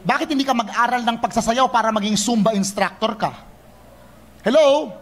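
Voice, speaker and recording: A young man preaching a sermon, lively and teasing, switching between Tagalog and English. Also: very high voice, normal speed. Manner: animated, mixes Tagalog and English, teasing the congregation.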